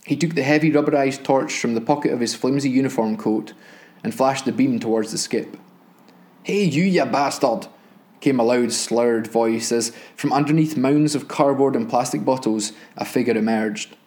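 A man, a podcast host, reading a crime novel aloud in steady, measured audiobook-style narration. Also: medium pitch.

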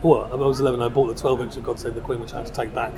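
A middle-aged designer from South London chats as a podcast guest in a casual pub interview, talking informally and discursively. His mid-range voice is level in tone and rapid-fire, with busy crowd chatter behind him.

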